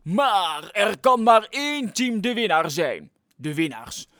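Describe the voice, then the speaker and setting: Narrator doing a loud slow megaphone guy from a kids storybook, big swoopy calls. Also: medium pitch, sing-song, no echo, studio quality. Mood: booming announcing. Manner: loud, slow, drawn-out calling. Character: announcing man with a megaphone. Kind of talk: storybook read-aloud.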